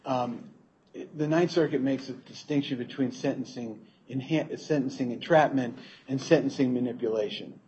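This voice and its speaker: A man speaks as an appellate lawyer, giving a formal, explanatory legal argument in a somewhat halting way. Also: medium pitch, mellow. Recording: dull courtroom recording, faint noise.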